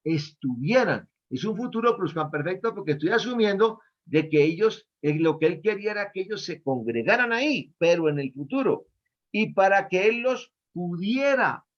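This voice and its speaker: A man's voice: high voice, expressive, normal speed. A man, a pastor, leading a Bible study and quizzing his listeners on verb tenses. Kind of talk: Bible study lesson with questions to students. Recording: dull lo-fi recording.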